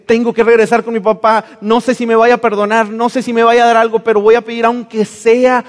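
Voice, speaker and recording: A man's voice: very high voice, little pitch movement, fairly quick, big-room sound, voice pushed up. A man acting out a wayward young son who pleads with his father. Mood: anxious.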